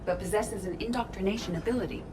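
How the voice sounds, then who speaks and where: An actress with a natural, medium-pitched female voice plays a composed, analytical artificial intelligence crew member in a video game. Her speech is precise, measured and formal, with a calm, analytical mood, and there is background noise.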